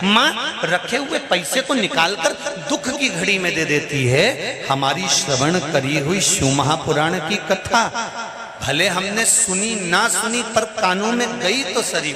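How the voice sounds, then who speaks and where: A male preacher with a Madhya Pradesh Hindi accent, telling stories and asking the crowd rhetorical questions with folksy asides, on a stage microphone in a large hall. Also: high voice. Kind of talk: sermon. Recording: echoey live hall with crowd noise.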